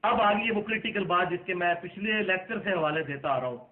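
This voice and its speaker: Man lecturing, tinny and high. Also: animated. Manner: argumentative, rising to emphatic outbursts. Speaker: Islamic lecturer. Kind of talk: religious lecture. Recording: tinny phone-like lo-fi sound.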